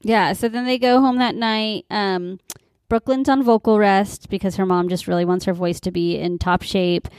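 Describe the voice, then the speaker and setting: A middle-aged woman with vocal fry, co-hosting a casual podcast chat as a mother of a young performer. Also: mid-range voice, steady tone, moderate pace, darkish tone, no echo, studio quality.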